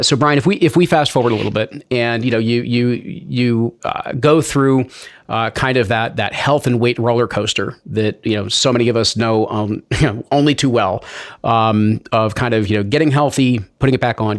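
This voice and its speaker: A man's voice: mid-range voice, normal speed, dry recording, clean studio sound. A man hosting an interview, asking long, winding, thoughtful questions and encouraging his listeners. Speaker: podcast host. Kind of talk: interview conversation.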